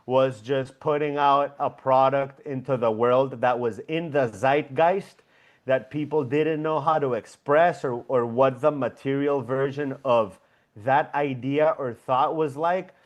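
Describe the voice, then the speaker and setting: A man's voice: medium pitch, unhurried, muffled recording. A young man from Venezuela speaks as a guest founder on a casual interview over a video call. He talks reflectively and rambles a little, with plenty of fillers.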